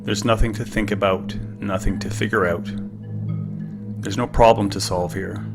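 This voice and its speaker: A man leading a guided meditation in a calm, soothing, unhurried manner. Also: on the low side, creaky. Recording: music playing behind the voice. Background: meditation music.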